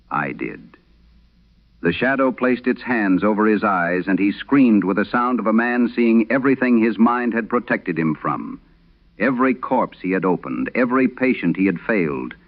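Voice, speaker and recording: In a dramatic horror radio monologue heard at phone quality, a man voices an aging exorcist priest making a confession. His voice is very low and gravelly, and his grave, literary, measured phrasing swings widely in pitch with haunted intensity.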